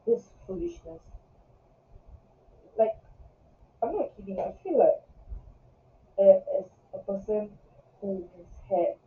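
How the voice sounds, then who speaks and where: A young man around twenty talks through a casual confessional vlog in a high voice, rambling and breaking off into giggly asides. He sounds far from the phone mic in a roomy space, and the sound is thin and phone-like. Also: big pitch swings, slow, long pauses. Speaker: vlogger.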